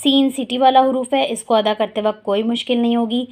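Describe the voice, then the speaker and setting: A woman teaching Quran reading, patiently spelling out syllables slowly and explaining each letter. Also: fairly high pitch, steady tone, a little mellow. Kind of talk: slow spelled-out recitation lesson.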